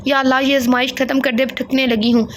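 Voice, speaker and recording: Brief: a humble, grieving young heroine in an audio novel, soft and sorrowful, high-voiced, read by a woman narrator. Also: flat delivery, fairly quick, a little hiss or hum, close to an everyday voice. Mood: despairing.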